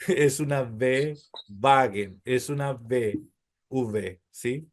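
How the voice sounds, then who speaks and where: A man's voice: mid-range voice, extremely slow, noisy background. A man teaching a Hebrew class, explaining patiently, calling his listeners brothers and checking often that they follow.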